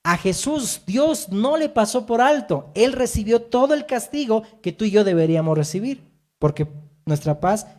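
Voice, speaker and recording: A man preaching from the pulpit with a high, mellow voice. He reads scripture and tells stories with emphatic swings, often pausing for an amen. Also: lively intonation. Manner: emphatic preaching, rising and falling, frequent amens. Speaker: pastor. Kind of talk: sermon.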